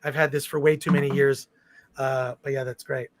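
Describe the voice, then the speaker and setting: Man through a deep morphing voice changer. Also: little pitch movement, a little fast, no room sound. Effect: toy voice changer deepening and morphing his voice. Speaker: live show host reading chat. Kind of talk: casual live chat.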